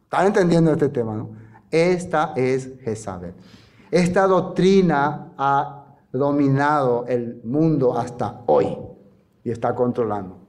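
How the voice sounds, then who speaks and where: A man preaching a sermon in a lively storytelling manner, full of rhetorical questions. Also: medium pitch, unhurried. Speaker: pastor.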